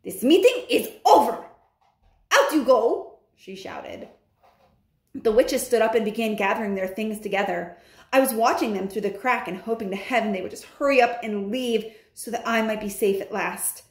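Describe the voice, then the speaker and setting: A woman's voice: medium pitch, fairly quick. A woman reading a children's novel aloud, adding chatty asides, recorded in an echoey room.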